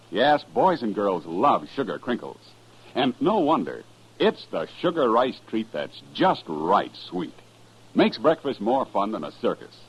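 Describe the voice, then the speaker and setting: A man's voice: fairly low pitch, slightly rough, low-quality recording. A man announcing an old radio show and reading a cereal commercial in a sweeping announcer's delivery, heard as an AM radio broadcast. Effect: old AM radio broadcast sound.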